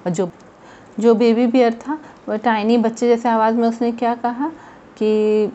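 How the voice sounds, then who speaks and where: A woman teaches young children, slowly and patiently explaining a story and asking them questions as she goes. Her voice is mellow and unhurried. The recording sounds dull and lo-fi. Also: a little high, fairly even intonation. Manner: slow, patient explaining with frequent "ठीक है" and questions to pupils. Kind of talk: textbook lesson explained in Hindi with English read-aloud.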